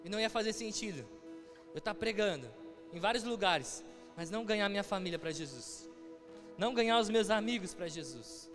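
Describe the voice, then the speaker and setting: Young Brazilian man, high-pitched preacher, heartfelt testimony style; long reverb, soft music underneath. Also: expressive, normal speed. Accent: Brazilian Portuguese. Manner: heartfelt storytelling, acting out quoted dialogue. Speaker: guest preacher. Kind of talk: testimony sermon. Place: church hall with music behind.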